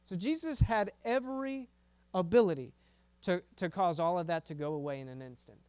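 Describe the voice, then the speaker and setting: A man's voice: high voice, expressive, moderate pace, darkish tone, clear, resonant tone, no room sound. A man preaching to a youth group in a casual, conversational way, often repeating words and checking in with "right?". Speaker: youth pastor.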